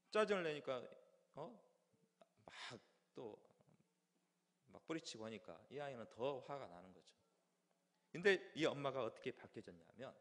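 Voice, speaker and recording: A man preaching a sermon, speaking haltingly with restarts and acting out quoted lines in the story. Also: mid-range voice. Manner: halting, with many restarts and fillers, voicing quoted speech. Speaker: pastor. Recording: hall reverb.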